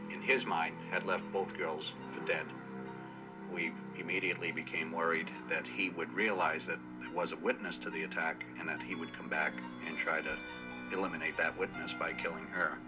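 A man, a police sergeant giving a measured, formal documentary interview. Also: deep voice, steady tone, low-quality recording. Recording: archive TV clip with music.

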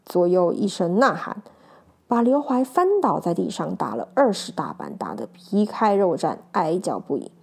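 A woman narrating a classic crime tale in an expressive storytelling voice. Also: lowish voice, normal speed, vocal fry, husky.

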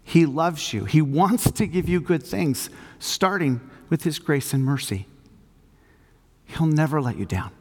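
Older male pastor, emphatic sermon delivery, unhurried, reverberant church sound. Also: a little high, lively intonation, a little mellow, husky. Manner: earnest, emphatic preaching with slow stressed phrases. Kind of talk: sermon with closing prayer. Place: church hall.

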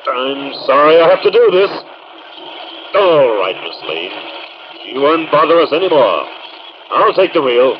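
A mysterious, taunting avenger in vintage radio drama style. He is commanding and accusing, with animated intonation. The sound is muffled under clear noise. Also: fairly high pitch, a little slow, pauses often. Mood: urgent. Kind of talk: old radio drama acting. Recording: muffled, noisy old radio recording.

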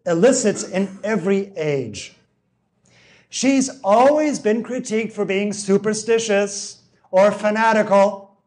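Lecturing on theology to an evening audience, a high-voiced man is growing hoarse and keeps clearing his throat. He moves through his points by restating key phrases and checking in with "see?".

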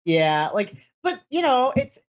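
Female podcast co-host, medium pitch, frazzled and tired, loose rambling chat with frequent false starts. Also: big pitch swings, measured pace, lo-fi sound. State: mentally fried, tired. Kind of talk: casual live-stream chat.

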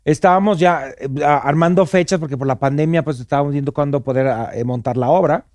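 A man telling a lively anecdote in casual chat, swearing freely as he goes. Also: on the high side, a little fast, dry recording. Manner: animated storyteller, swears casually. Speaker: theater producer.

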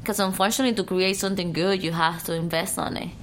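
A woman's voice: medium pitch, steady tone, fast, a bit bright, a little hiss or hum. Giggly woman. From Cuba. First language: Spanish. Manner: giggly, talks in non-standard English grammar. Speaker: interview guest. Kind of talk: casual interview chat.

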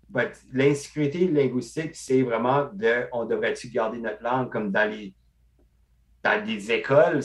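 A man with an Acadian French accent, a podcast guest talking casually and switching into English often. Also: lowish voice. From Acadia, eastern Canada. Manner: mixes English into his French, animated storytelling. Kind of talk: casual conversation.

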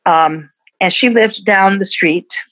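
A woman's voice: medium pitch, takes it slowly, a bit bright, rough recording. A woman in her fifties, a musician being interviewed, who talks in a reflective way and laughs often between thoughts. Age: 50s. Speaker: musician guest. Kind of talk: casual interview.

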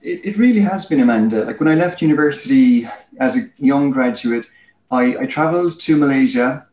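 Speaking fairly quickly in a mid-range, slightly mellow voice, the Irish head of a research firm explains things articulately in an interview, with a storyteller's flow. Echo from the room is noticeable in the recording.

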